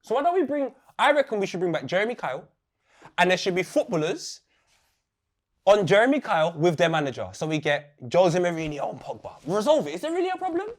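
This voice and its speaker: A man as a guest in a casual interview, animated and joking as he riffs on ideas. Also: high-pitched, quick pace. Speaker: podcast guest.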